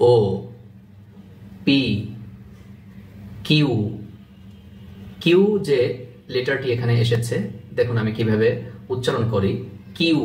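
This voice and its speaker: A man's voice: medium pitch, slight background noise. Patient man teaching letters in echoey room. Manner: patient, repeats each letter slowly with demonstration. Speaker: English pronunciation teacher. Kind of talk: instructional video lesson. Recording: echoey room from a distance, faint ambience.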